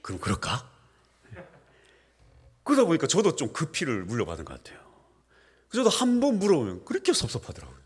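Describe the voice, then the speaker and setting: A male pastor preaching a sermon, swinging between soft asides and emphatic peaks. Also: on the high side, wildly swooping pitch, rapid-fire, slightly rough. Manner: acts out homely dialogue with humor. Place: church sanctuary. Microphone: microphone with feedback trouble. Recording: reverberant church hall.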